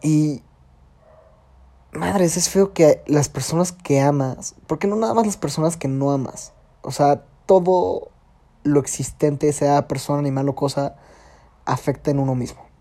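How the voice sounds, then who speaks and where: A man with a Mexican accent and a slightly hoarse, rather high voice, talking frankly in a casual confessional monologue full of slang and swearing. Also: measured pace, dark tone.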